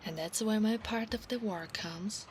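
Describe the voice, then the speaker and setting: A woman from Italy, speaking with an Italian accent, plays a proud, obsessive female centaur knight in a soft-spoken, formal ASMR roleplay, often slipping into breathy whispers. Her medium-pitched voice is unhurried and close to everyday speech, her mood calm and proud. Clear ambient background noise is audible.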